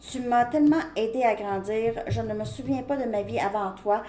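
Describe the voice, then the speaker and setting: A woman's voice: on the high side, moderate pace, dark tone. Lady doing a tarot reading, talks it through with lots of "ok?", echoey room, bit of noise. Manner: chatty, thinking aloud with many fillers and "ok?". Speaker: tarot reader. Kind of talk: casual tarot card reading to viewers.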